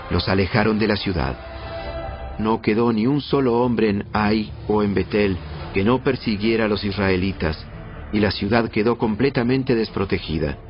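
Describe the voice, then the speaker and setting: A man narrating a dramatized audio Bible in a measured storytelling delivery. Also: on the low side. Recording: muffled band-limited audio. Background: prominent background music.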